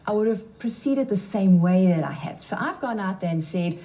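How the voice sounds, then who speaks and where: A woman's voice: medium pitch, lively intonation, fairly quick, mellow. A South African woman answering interview questions as a guest, speaking in a self-assured, emphatic way. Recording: slightly dull, band-limited sound.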